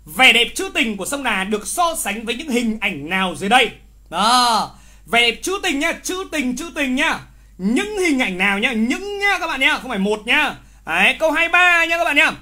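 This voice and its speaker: A male literature teacher with a very high voice and normal pace hosts a lively live online exam review. He teases his students, repeats key words, and exclaims in reproach at wrong answers.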